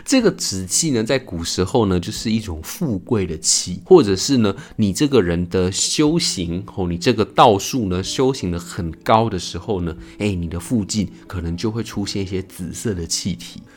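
A man's voice: low voice, animated, normal speed, few pauses. A man hosting a podcast, retelling an old tale in a playful, laughing way. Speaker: podcast host. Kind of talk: storytelling podcast chat.

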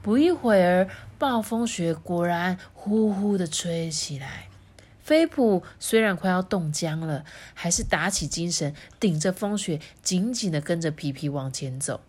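Mother reading a children's storybook aloud, animated, with drawn-out particles. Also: lowish voice, slightly rough.

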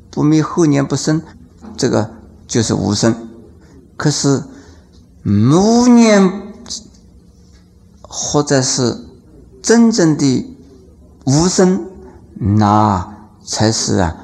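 A man, a Buddhist master, giving a dharma lecture. He explains patiently, puts rhetorical questions to his listeners, and chants verse lines slowly. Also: medium pitch, creaky, a little mellow.

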